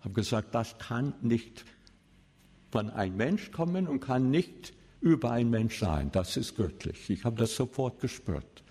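A male pastor preaching a sermon with passion, swinging between loud and soft. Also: mid-range voice, lively intonation, a little slow, husky. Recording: long reverb of a large hall.

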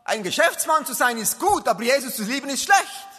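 A man's voice: extremely high pitch, sing-song, fairly quick, sharp tone, breathy edge, heavily acted. Swiss German man quoting a blunt stern commissioner. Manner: blunt, questioning. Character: stern male police commissioner, interrogating. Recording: long reverb of a large hall.

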